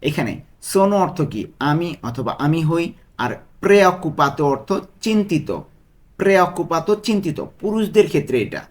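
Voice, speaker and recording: A Bangladeshi Bengali man teaches a language lesson in a somewhat high voice. His pitch rises and falls a lot. He asks questions and answers them himself, and he goes over each phrase slowly. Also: sing-song. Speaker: language tutor. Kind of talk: Italian lesson taught in Bengali.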